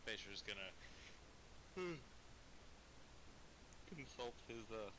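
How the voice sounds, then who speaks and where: A man chatting casually as a player in a tabletop game, halting and repeating his words. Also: lowish voice, animated. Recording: clear background hiss.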